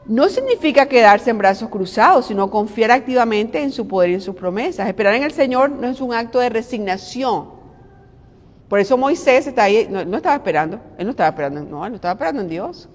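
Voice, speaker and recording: A middle-aged woman giving a devotional sermon in an animated, conversational way, full of rhetorical questions. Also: a little high, fairly quick. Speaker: preacher and devotional host. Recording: long hall reverb.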